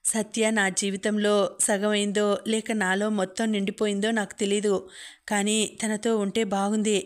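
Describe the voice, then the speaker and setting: A teasing young man, frank and confiding when he speaks about love, from an audiobook novel, read by a woman. The delivery stays level, with a narrow pitch range. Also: little pitch movement, normal speed, close to an everyday voice.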